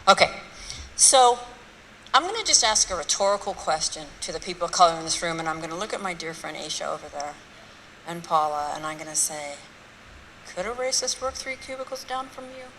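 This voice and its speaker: A woman speaks to a live audience in a lecture hall. Her voice is bright and forceful, and she talks bluntly, with rhetorical questions and mocking asides. The sound rings with long reverb and faint room noise around it. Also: lowish voice, lively intonation, brisk. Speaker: speaker giving a talk on race.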